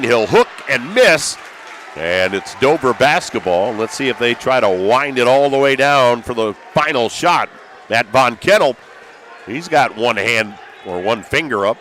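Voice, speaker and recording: An American man calls live radio play-by-play of a basketball game from courtside in a packed school gymnasium. His voice is mid-range and a bit bright. Gym noise and bouncing basketballs fill the background.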